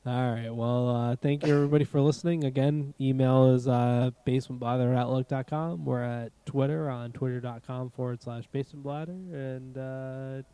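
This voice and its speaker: A man's voice: mid-range voice, fairly even intonation, normal speed, few pauses, mellow, clean tone. A man with a Massachusetts accent co-hosting a casual podcast, swearing freely and laughing often. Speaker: podcast co-host. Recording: remote recording without proper mics.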